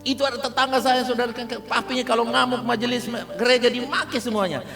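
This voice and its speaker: A man pastor with a Kupang Malay accent preaches a sermon in a lively, humorous way, often turning to the congregation. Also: very high-pitched, fast talker, creaky, music in the background. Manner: lively, humorous, addresses listeners as "saudara kasih" often. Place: large church hall. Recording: church service with long reverb.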